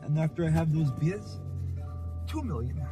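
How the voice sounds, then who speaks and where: A man's voice: a little high, animated, normal speed, over music. A man live streaming in casual, slangy talk, addressing his viewers like buddies. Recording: noisy street and vehicle background.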